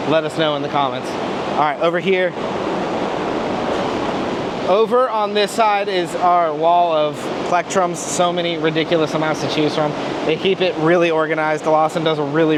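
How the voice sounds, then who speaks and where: A man giving a casual, chatty vlog tour as host, talking informally and with slang as he walks through a large open warehouse. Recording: noisy warehouse, rumbling fans and vehicles.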